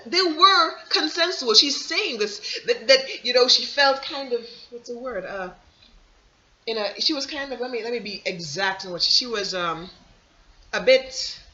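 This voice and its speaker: A vlogger rambles through a casual monologue, restarting sentences and breaking into emphatic, preachy slang. The voice is very bright and sharp. The audio sounds dull and lo-fi. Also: mid-range voice. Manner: rambling and digressive, with many restarts and asides.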